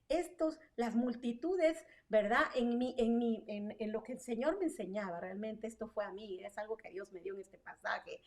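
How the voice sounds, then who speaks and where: A woman with a mid-range voice preaches an online sermon with fervent energy, asking rhetorical questions and ending points with "¿verdad?". She sounds far from the mic, and the audio comes from an online stream.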